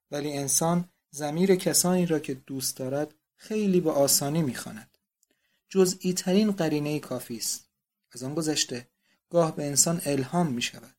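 A man's voice: fairly high pitch, mellow, natural voice. A man reading the part of a distraught young countess pleading and confessing to her father.

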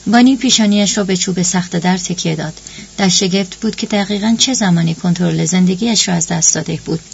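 A woman narrating a novel as an audiobook, reading in a steady, even storytelling manner. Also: lowish voice, vocal fry, husky. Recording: dull lo-fi recording with faint hum.

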